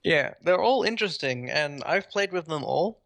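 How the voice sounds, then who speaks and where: A man's voice: a little high, expressive, moderate pace, vocal fry, fairly bright tone, no room sound. A man chatting enthusiastically as a gaming podcast host. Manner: enthusiastic, rambling. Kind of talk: casual gaming podcast chat.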